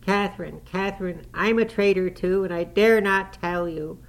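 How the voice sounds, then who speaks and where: A man's voice: high-pitched, steady tone, a little fast, creaky, voice pushed up, poor audio. A man voicing a sickly, frightened young man who pleads tearfully. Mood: sobbing. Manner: tearful, imploring.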